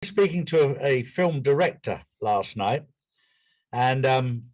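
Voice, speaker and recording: A man's voice: mid-range voice, expressive, slow, a little mellow, no echo. A man joining a casual commentary chat, speaking earnestly and readily agreeing with the others.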